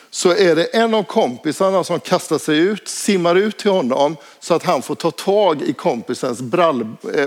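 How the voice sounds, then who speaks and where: Hesitant man telling a personal story. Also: on the high side. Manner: hesitant, many filler sounds. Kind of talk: casual spoken personal anecdote.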